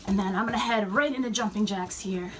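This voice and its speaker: A young woman fitness instructor cueing warm-up moves while she exercises, a little out of breath. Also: mid-range voice, fairly quick. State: slightly out of breath. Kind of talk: workout instruction. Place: fitness center. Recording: distant mic with faint room noise.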